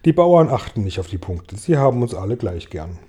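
A man's voice: on the low side, big pitch swings, a little fast, warm tone, breathy edge. A man voicing a polite, snobbish female ladybug in an audiobook reading. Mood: prim. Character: genteel, proud female ladybug.

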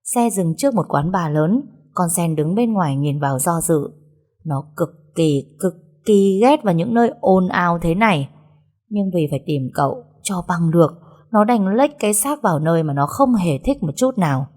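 A woman reading a romance story aloud as narrator, in a lively, expressive way. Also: on the low side, normal speed. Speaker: audiobook narrator.

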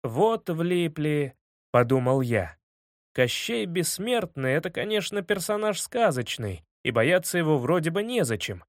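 A man narrating a children's audiobook in a lively, expressive storytelling manner. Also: on the high side, moderate pace, dry recording, studio quality. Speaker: audiobook reader.

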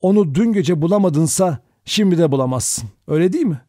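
A man reading an audiobook aloud, voicing a frightened young woman who cries out in a high, trembling voice. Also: expressive, brisk, warm tone, no echo, studio quality. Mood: fearful.

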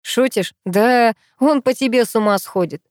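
A woman voicing a calm reassuring young man. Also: on the high side, moderate pace, no echo, studio quality, voice pushed up, lightly acted.

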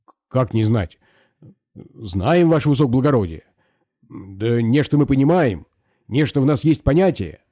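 A man voicing a timid lame peasant poacher who pleads in a trembling, stammering falsetto. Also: animated, moderate pace, pauses often, mellow, no echo, studio quality, lightly acted. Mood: pleading.

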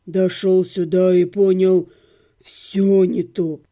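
A woman voicing a dramatic, self-pitying male half-gnome in an audiobook, moaning in a low groaning voice. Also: level tone, slow, mellow. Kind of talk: audiobook character voice.

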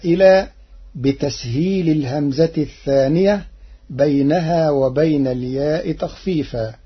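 Slow, husky man giving a radio lesson. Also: fairly high pitch. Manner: measured, deliberate, drawing out quoted words. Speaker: Quran reading teacher. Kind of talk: formal explanatory radio lesson. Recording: dull lo-fi old radio broadcast.

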